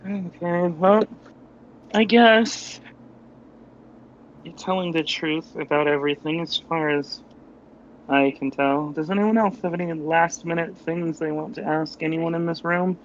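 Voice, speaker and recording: A man playing a tabletop game, quickly narrating what his character does. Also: fairly high pitch, steady tone. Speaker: player. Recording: dull lo-fi stream audio, faint hum.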